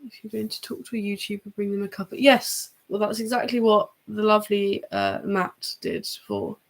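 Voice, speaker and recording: Woman, livestream co-host, chatty and giggly, some vocal fry. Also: mid-range voice, animated, normal speed. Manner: chatty, giggly, trails off with fillers. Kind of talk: casual chat.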